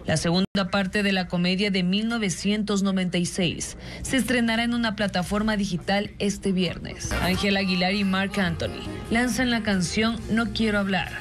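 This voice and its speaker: A woman entertainment reporter reading a scripted news voice-over in a brisk, even way. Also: medium pitch. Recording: voice-over with music bed.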